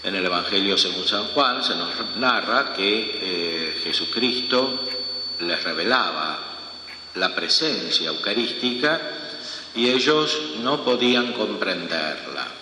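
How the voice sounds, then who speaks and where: Spanish priest, measured and unhurried homily, cathedral echo, faint hum under it. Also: male voice, low-pitched, animated. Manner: slow, measured delivery with long pauses. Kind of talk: reading the Gospel and preaching a homily. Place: large church. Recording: long echoing church reverb, faint room hum.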